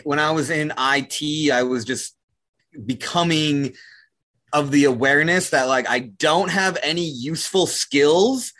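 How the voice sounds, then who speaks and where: A man speaking as a podcast guest in a relaxed, laid-back way, often saying "like". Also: on the high side. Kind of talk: casual conversation.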